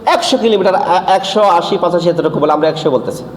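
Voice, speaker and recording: A male preacher teaches in a high voice, putting questions to his listeners and then answering them. He drills the points by repeating them. The sound rings with a long reverb, as if in a large hall. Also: quick pace, slight background noise. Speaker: Islamic preacher. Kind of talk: sermon-style religious lesson.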